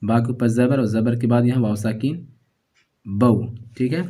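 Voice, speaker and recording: A man's voice: mid-range voice, fairly even intonation, warm tone. A man teaching Quran reading step by step. He is patient, repeats each sound, and draws out the syllables.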